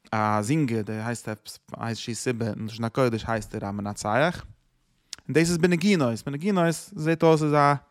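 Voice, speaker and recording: A man's voice: mid-range voice, dry recording, studio quality. A man, teaching a lesson on Psalms in loose, searching speech full of Hebrew and English terms. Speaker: Torah teacher.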